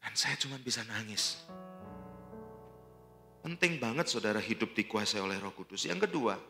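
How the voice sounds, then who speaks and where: A male pastor preaching a sermon with a personal testimony, often calling the congregation "saudara" and rising from quiet storytelling to loud, fervent preaching. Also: lowish voice, lively intonation, moderate pace, over music.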